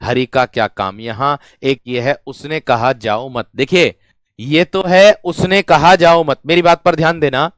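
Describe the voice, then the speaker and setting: Man, teacher, slow deliberate delivery, smooth clear voice, repeats every phrase, classroom lesson. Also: fairly high pitch, no room sound, clean studio sound. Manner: repetitive, drills each phrase over and over; addresses students warmly as friends and brave ones. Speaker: Hindi teacher.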